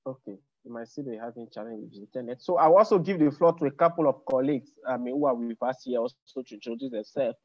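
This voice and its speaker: A man's voice: medium pitch, fast, few pauses, no echo. A man moderating an online meeting as host, formal in tone, often hesitating and repeating words. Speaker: webinar host. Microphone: video call. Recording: dry, dull online call.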